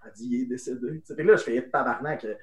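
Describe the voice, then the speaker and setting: A young man with a Québécois French accent telling an animated anecdote in casual chat, dropping to hushed tones for the punchlines. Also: mid-range voice, rapid-fire, roomy sound, slight background noise. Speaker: improv guest. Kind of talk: casual storytelling.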